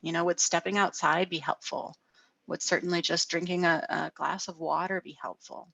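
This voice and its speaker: A middle-aged woman counselor giving a gentle guided wellness talk over a video call, often asking "right?". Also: fairly low pitch, steady tone, moderate pace, gravelly, no echo. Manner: gentle, frequent "right?" tags.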